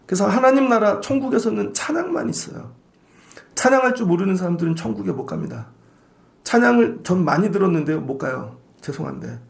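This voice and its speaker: A man's voice: high voice, gravelly. A male pastor preaching a sermon, often acting out the voices of others.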